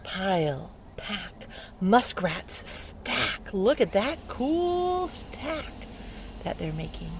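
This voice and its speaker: An interactive read-aloud for young children takes place outdoors at a lake, where an early learning teacher with a mid-range voice reads from a picture book. She pauses to ask questions, acts out the sound words and keeps her reading expressive and playful. Steady ambient noise from the water fills the background.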